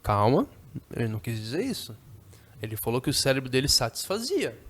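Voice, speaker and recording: A man's voice: mid-range voice, huge pitch swings, a little fast, fairly bright tone. A Brazilian man teaching a church literature class, who reads a passage aloud and then explains it line by line, often asking the class if they follow. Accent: Brazilian Portuguese. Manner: explains line by line, keeps checking the class understands; reads passages aloud, then paraphrases them in casual speech.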